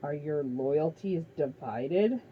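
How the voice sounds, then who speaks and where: A menacing ancient Titan lord, put on by a woman reading aloud, hissing commands from a storybook. The voice sits low and unhurried. The recording is dull and lo-fi with faint hiss. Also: sing-song. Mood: commanding.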